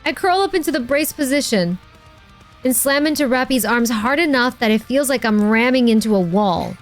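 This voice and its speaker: High-pitched, cute anime-style woman streamer. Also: animated, normal speed, faint music behind. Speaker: VTuber streamer and voice actor. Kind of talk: livestream game playthrough, reading story aloud and chatting.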